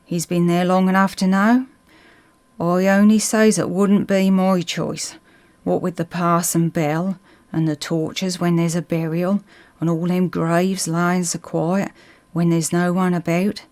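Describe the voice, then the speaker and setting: A woman's voice: lowish voice, flat delivery, unhurried, a little mellow, close to an everyday voice. A woman voicing a blunt, teasing village smith from a storybook, with a rustic, needling way of talking in a Suffolk accent. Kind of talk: storybook character reading.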